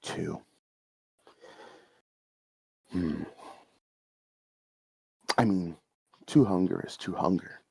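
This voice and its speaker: Brief: low, mellow-voiced male game master, casual rambling narration, dry close mic. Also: takes it slowly, creaky, husky, dry recording, low-quality recording. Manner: loose, chatty description with fillers. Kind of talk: narrating a tabletop role-playing game.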